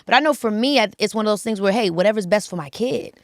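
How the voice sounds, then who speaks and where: A woman's voice: medium pitch, animated, quick pace, no room sound, clean studio sound. A woman hosting a podcast, asking supportive questions in casual conversation. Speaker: podcast host. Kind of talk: casual interview chat.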